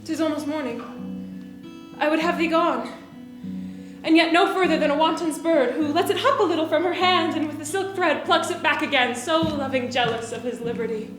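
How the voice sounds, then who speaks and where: A woman's voice: high-pitched, moderate pace, echoey room, over music, natural voice. A woman playing a lovestruck, playful, eager young maiden in theatrical Shakespearean verse. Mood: eager, longing. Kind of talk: theatrical Shakespearean stage acting.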